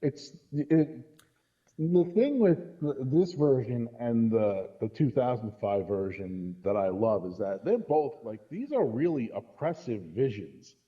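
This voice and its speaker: Talking films casually as a podcast guest co-commentator, a middle-aged man speaks a little slowly in an animated, mid-range voice. He's blunt, emphatic and swears freely, and the audio is dull.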